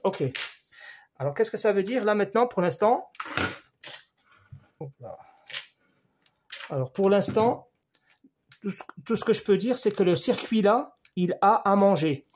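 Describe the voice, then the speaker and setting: A man's voice: high-pitched, a little mellow, breathy edge. French man explaining a TV circuit board. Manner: explains step by step, addresses the viewer directly, repeats key points. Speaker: electronics repair instructor. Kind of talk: hands-on repair tutorial.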